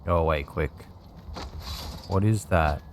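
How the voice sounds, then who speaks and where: A man's voice: deep voice, slow, a little hiss or hum. A man giving casual commentary as he plays a game, talking offhandedly to himself. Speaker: gamer hosting a playthrough. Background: loud game music.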